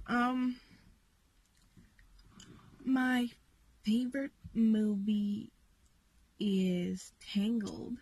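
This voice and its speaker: A woman's voice: fairly high pitch, breathy edge, low-quality recording. A teenage girl from Latvia chatting casually in a vlog, filmed on a phone in a parked car. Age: teens. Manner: chatty, gestures a lot while talking. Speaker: vlogger. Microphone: phone camera at arm's length.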